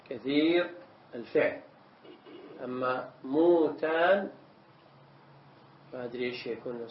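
A man teaching as a sheikh, explaining religious texts in a measured way, often repeating words as he explains. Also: mid-range voice. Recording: echoey room, distant mic, dull sound.

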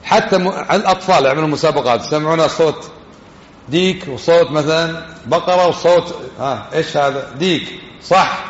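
A man giving a religious lesson, talking quickly and conversationally and putting questions to his listeners. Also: on the high side. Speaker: religious teacher. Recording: dull, echoey hall.

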